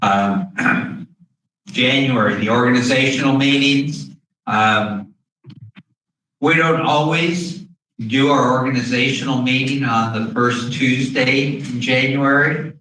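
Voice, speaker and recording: A man speaking through a face mask, explaining things haltingly as an official at a public meeting, with pauses and throat clearing. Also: mid-range voice, bright, forceful tone. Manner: hesitant, with long pauses and frequent throat clearing. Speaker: school district official presenting to a board. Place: indoor meeting room. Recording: very echoey room, distant mic, faint noise.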